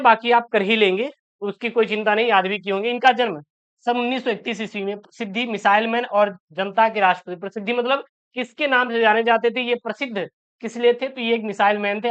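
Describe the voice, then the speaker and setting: In this dull lo-fi recording, the exam-prep teacher has a very high, clean-toned voice with a bit of brightness. He asks questions and then answers them himself, and keeps slipping "sir" in as filler.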